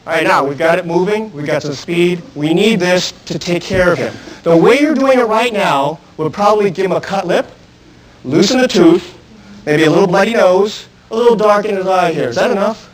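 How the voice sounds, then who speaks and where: A man with a high voice runs a self-defense class. He coaches each move plainly and step by step, then breaks into loud, commanding drill shouts. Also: animated, moderate pace, poor audio. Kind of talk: live class instruction. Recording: archive 1990s instructional video.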